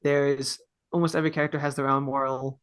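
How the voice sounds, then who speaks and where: A man's voice: mid-range voice, little pitch movement, fast talker, fairly bright tone, smooth, no echo. A man in his early twenties from Texas, answering a podcast interview in a thoughtful, earnest way with a few fillers. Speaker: podcast guest. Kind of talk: casual interview chat.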